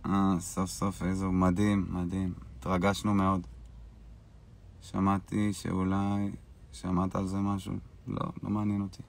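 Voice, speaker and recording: A man's voice: low voice, monotone, vocal fry. A man hosting a live stream, casually answering viewers' questions in a brash, boastful and dismissive way.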